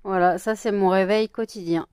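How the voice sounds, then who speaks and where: A woman's voice: mid-range voice, fairly even intonation, moderate pace, darkish tone, clear, resonant tone, dry recording. Woman vlogger thinking aloud, dry sound. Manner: rambling, many hesitations, thinking aloud. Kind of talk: casual chat to camera. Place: at home.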